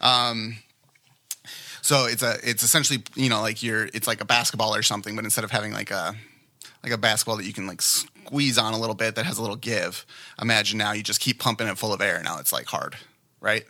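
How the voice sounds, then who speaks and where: A man's voice: lowish voice, quick pace, sharp tone. A man running a practice case as examiner, chatting casually and explaining with everyday analogies. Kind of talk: casual teaching and feedback.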